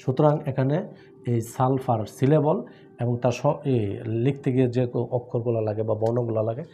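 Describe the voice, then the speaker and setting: Man, chemistry teacher, mellow dark voice, asks and answers his own questions. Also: medium pitch, steady tone, brisk, slight background noise. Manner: explains step by step with rhetorical questions. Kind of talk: classroom-style lesson with memory tricks.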